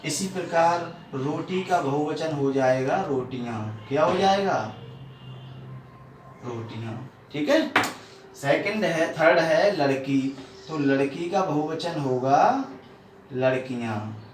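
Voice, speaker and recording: Slow, patient teacher, echoey room. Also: male voice, on the high side, lively intonation. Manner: slow, deliberate, repeats definitions. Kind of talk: classroom lesson for young children. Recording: echoey room, distant mic, faint hiss.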